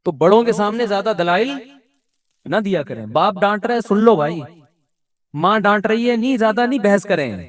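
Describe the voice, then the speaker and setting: Preacher, male, Pakistani Urdu accent, high voice, chatty sermon delivery. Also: lively intonation. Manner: conversational, acts out quoted people. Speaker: Islamic scholar. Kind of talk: religious sermon.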